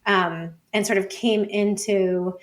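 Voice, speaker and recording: Taking her time, a woman with a medium-pitched voice and fairly even intonation discusses urban studies and planning, the field she teaches as a professor. As a guest on an interview show, she's thoughtful yet casual in phrasing, hedging with "like" and "sort of."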